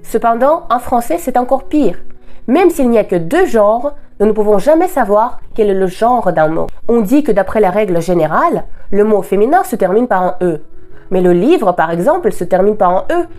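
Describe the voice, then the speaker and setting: A woman originally from Russia, a native Russian speaker, explaining language points in a clear, deliberate teaching voice at a middling pitch. She slows down to model each example word. Soft music plays faintly underneath. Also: expressive. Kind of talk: scripted explanatory lesson.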